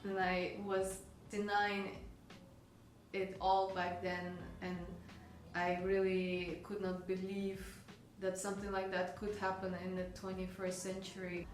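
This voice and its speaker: A woman speaking haltingly in a documentary interview, searching for her words. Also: medium pitch, completely flat delivery. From Russia. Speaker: dancer, interviewee. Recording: echoey room with music underneath.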